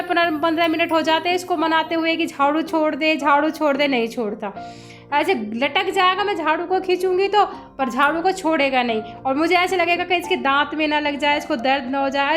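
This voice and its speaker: A middle-aged woman with a high voice, chatting casually in a home vlog. She narrates her day and scolds her dog fondly. Faint music plays underneath. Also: a bit bright. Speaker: vlogger and mother. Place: home indoors.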